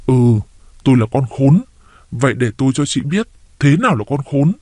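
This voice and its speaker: A man reading a story aloud, voicing an enraged jealous wife who hisses and shouts her accusations. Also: medium pitch, animated, normal speed, no echo, studio quality, natural voice. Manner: hissing, enraged.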